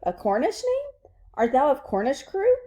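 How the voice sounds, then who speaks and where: A woman reading a play aloud, voicing a fierce, swaggering low-born soldier who blusters and challenges. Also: wildly swooping pitch, normal speed, mellow. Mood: blustering.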